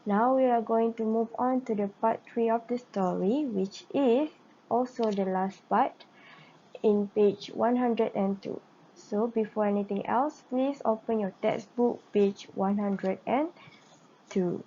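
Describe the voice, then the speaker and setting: Woman, primary English teacher, slightly high voice, very slow and deliberate, dull lo-fi recording. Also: dark tone, a little hiss or hum. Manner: slow, careful, encouraging. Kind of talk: recorded online lesson and story read-aloud.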